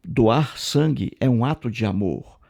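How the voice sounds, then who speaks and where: A man's voice: mid-range voice, animated, unhurried, vocal fry, darkish tone. A man from Brazil with a Brazilian Portuguese accent, commenting on viewer messages in a repetitive, emphatic lecturing way. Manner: repetitive, emphatic, lecturing, heavy use of fillers. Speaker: video commentator.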